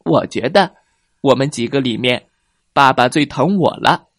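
A man's voice: on the high side, big pitch swings, a little slow, fairly bright tone, dry recording, clean studio sound. A man putting on a smug baby ankylosaur. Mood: smug bragging. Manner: bragging, singsong. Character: boastful baby ankylosaur, young male, smug.

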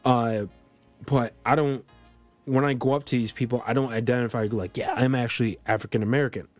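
A man's voice: mid-range voice, steady tone, a little fast, no echo, faint music behind. A man born in Colombia co-hosting a podcast, talking politics in a casual, rambling way full of restarts and fillers. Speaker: podcast co-host.

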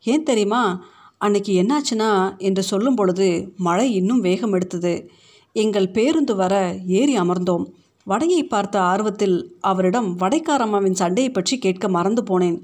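A woman reads a short story aloud in a steady, reflective manner. Her voice sits at a medium pitch for a woman, even and composed, with plain, measured storytelling. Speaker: story reader. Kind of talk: scripted narration.

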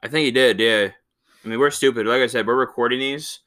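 A man's voice: mid-range voice, fast, a bit bright. A young man co-hosting a podcast, tossing in crude, laid-back jokes. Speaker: podcast co-host. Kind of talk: casual chat.

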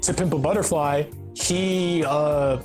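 A man's voice: fairly high pitch, takes it slowly, music in the background. A man in his twenties chatting casually on a podcast, rambling and often stopping with "what do you call it". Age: 20s. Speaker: podcast guest. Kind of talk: casual chat.

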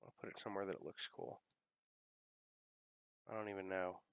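A man's voice: low voice, level tone, moderate pace, clear, resonant tone, dry recording. A man hosting a podcast, chatting casually while playing a game, swearing freely. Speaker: podcast host. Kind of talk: casual chat while gaming.

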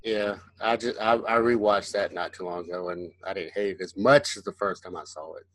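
A man co-hosting a podcast with a somewhat low voice, chatting casually. He hesitates and trails off, restarting his sentences often. The sound is dry and close. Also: fairly even intonation, brisk, a bit bright, no echo. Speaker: podcast co-host. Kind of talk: casual chat.

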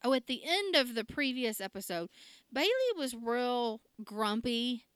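A woman's voice: fairly high pitch, a little slow, a bit bright, clean tone, no room sound, clean studio sound. A woman, casually recapping a TV drama episode and laughing often. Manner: chatty, laughs often, acts out quotes. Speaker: podcast co-host recapping a TV drama. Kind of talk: casual chat.

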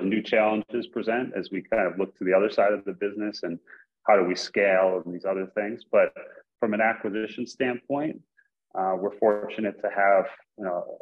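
Low-voiced man on a dull call line. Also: breathy edge. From upstate New York. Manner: measured, explanatory, with fillers like "basically" and "you know". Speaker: guest, coffee company investor. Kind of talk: casual interview answers.

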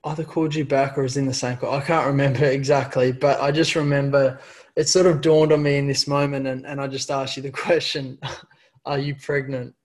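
A man's voice: medium pitch, level tone, fairly quick. A young man telling a personal story in casual chat. He stumbles and repeats words often as he talks.

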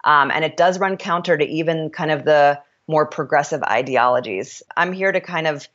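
Appearing as a guest in an interview, a woman with a low voice speaks candidly and reflectively, pausing now and then as she works through ideas. Her tone is fairly bright, though the audio sounds muffled.

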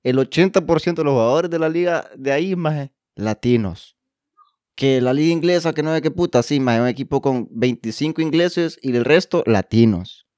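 A man in loose banter with friends, ranting bluntly with plenty of swearing. His voice is mid-pitched and close to the mic. The recording is dry, with no room echo at all. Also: moderate pace, a little mellow. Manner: blunt, profane, emphatic ranting. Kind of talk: casual podcast chat among friends.

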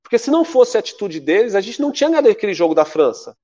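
Brazilian man in his forties, a lively storyteller with a slightly high voice that leaps up when he acts out other people's lines, recorded a bit dull and lo-fi. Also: racing. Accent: Brazilian Portuguese. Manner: lively, acts out quoted voices with big pitch jumps. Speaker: podcast guest, former athlete. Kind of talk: casual storytelling.

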